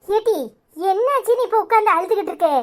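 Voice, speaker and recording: A woman's voice: very high-pitched, fairly quick. A woman voicing a caring but bossy older mother-in-law in a cartoon, fussing with a Tirunelveli Tamil accent. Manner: fussing, instructing.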